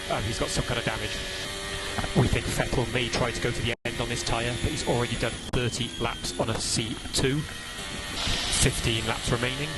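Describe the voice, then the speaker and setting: A man with a mid-range voice works as a race engineer on team radio, giving clipped, repeated instructions and updates while urging his driver on. The recording is rough.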